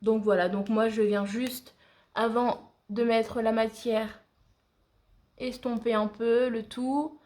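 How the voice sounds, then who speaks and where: Woman, beauty vlogger, casual and friendly, hesitant fillers, somewhat high voice. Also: level tone, takes it slowly, a little mellow. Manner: chatty, talks to viewers like friends. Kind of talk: casual makeup tutorial.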